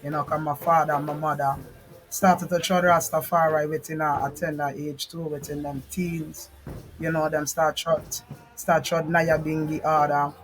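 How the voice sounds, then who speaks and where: A woman's voice: low-pitched, little pitch movement, normal speed, soft background music, rough recording. A woman from Trinidad and Tobago with a Trinidadian accent, a guest musician giving earnest, flowing interview answers. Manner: earnest, flowing speech with frequent "you know".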